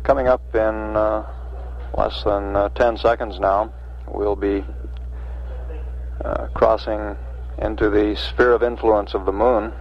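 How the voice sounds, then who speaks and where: A man giving halting, unscripted spaceflight commentary as a mission control announcer, with a gravelly voice. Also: on the low side, fairly even intonation, a little hiss or hum. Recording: dull vintage mission broadcast audio.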